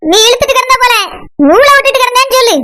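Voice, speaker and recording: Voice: very high voice, racing, heavy background noise. A performer voicing a domineering, scornful cartoon woman who threatens and mocks everyone in the house. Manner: scornful and mocking, full of threats.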